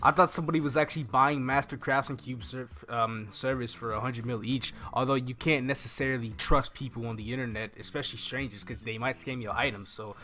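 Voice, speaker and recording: A man's voice: mid-range voice, fairly even intonation, a little fast, few pauses, bright, forceful tone. A young man hosting a game walkthrough in a casual, rambling way, thinking aloud as he goes. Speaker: gaming video host. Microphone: microphone on a stand close in front of him. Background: game music.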